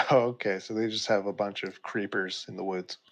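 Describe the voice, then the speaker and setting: A man's voice: on the low side, fairly even intonation, moderate pace. A man playing a tabletop game, playful and laughing, slipping into a mock-heroic tone in character. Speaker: player. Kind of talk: casual tabletop play, partly in character.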